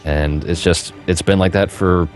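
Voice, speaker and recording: A man's voice: deep voice, fairly even intonation, measured pace, faint music behind. A man hosting a gaming podcast, talking in a rambling, casual way and swearing freely. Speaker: podcast host.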